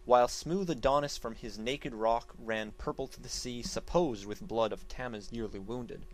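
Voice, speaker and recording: A man giving a theatrical dramatic reading of archaic epic poetry, declaiming it like a stage actor with solemn, deliberate phrasing that swells and falls. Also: medium pitch, poor audio. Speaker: narrator reading an epic poem.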